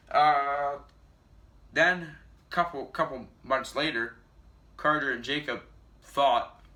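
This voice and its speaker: A man's voice: medium pitch, sharp tone. A teenage boy telling a storytime vlog, rambling with many restarts and self-corrections. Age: teens. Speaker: vlogger.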